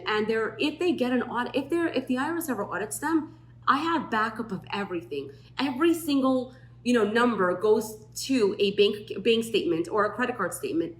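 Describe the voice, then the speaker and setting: A woman's voice: fairly high pitch, fairly bright tone. A woman who runs a tax firm, chatting on a podcast and telling stories, acting out the people she quotes. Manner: chatty storytelling, acts out quoted voices. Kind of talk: podcast talk. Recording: roomy echo.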